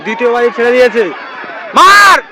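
A man's voice: high voice, flat delivery, fast talker. A man gives live commentary like a race caller, repeating phrases and addressing viewers as friends, outdoors on a field. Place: outdoors at a crowded village racing field. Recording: noisy outdoor field with loud crowd.

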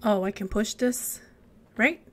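A woman's voice: mid-range voice, a little slow, a bit bright. A young woman giving casual gameplay commentary, talking to the game characters in a jumpy, giggly way. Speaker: let's play gamer.

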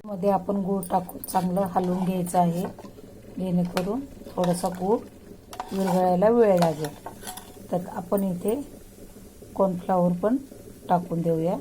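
A woman hosting a home cooking channel, calmly explaining each step of a recipe to viewers as she works in her kitchen. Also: lowish voice, a little slow, pauses often, background noise. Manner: calm step-by-step instructions to viewers.

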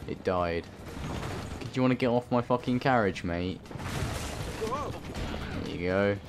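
A man's voice: on the low side, a little slow. A man hosting a let's play, rambling and swearing through his gameplay commentary. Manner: swearing, rambling, self-talking. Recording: voice under game noise.

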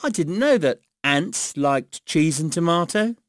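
A man's voice: a little high, expressive, a little slow, no echo, clean studio sound. A man voicing an eager, chatty young schoolboy who exclaims in a raised boyish tone. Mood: excited.

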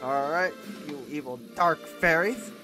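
A man's voice: on the high side, measured pace. A man giving casual commentary while playing a video game. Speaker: gamer narrating play. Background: game music.

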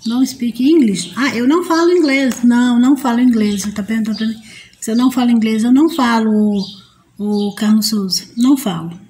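A Brazilian woman hosts a homely live stream and chats with her viewers like old friends. Her voice sits a little high but sounds mellow and warm. She talks over a phone mic, and faint birdsong sounds behind her. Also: a little fast, slight background noise. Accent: Brazilian Portuguese. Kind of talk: casual live chat, reading viewer comments aloud. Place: at home near her potted plants.

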